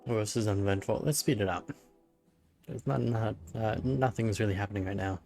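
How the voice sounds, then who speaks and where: A man's voice: fairly low pitch, a little fast, vocal fry, darkish tone, faint music behind. A man giving casual live-stream commentary while playing a strategy game, musing and thinking aloud. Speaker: gaming streamer.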